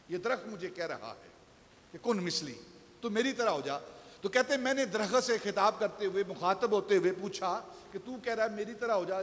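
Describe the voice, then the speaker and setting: A man's voice: sits high, big-room sound, a little hiss or hum. A man giving a Friday sermon, telling stories and rising to emphatic peaks. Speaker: pastor. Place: shrine mosque hall.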